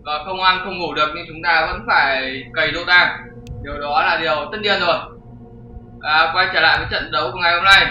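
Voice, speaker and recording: A man's voice: a little high, fairly quick, sharp tone, slight background noise. A man hosting his channel and commentating a game replay in a chatty, jokey way with crude slang. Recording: roomy, dull lo-fi with faint music.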